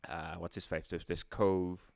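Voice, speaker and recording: Deep-voiced man rambling through a game. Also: little pitch movement, vocal fry, darkish tone, no echo, studio quality. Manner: rambling, halting, many restarts. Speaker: game facilitator. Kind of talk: casual streamed tabletop play.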